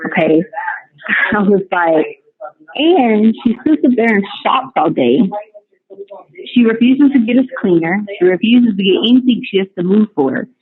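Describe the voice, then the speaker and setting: A woman's voice: medium pitch, lively intonation, normal speed. An incarcerated woman talking casually on a prison phone, rambling through her day in a chatty way. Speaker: incarcerated caller. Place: jail housing unit. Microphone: jail phone or tablet. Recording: tinny prison phone line.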